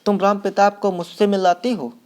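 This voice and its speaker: Male reader as grieving, angry young husband; slightly high voice, emotional reading. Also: steady tone, a little slow, close to an everyday voice. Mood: anguished.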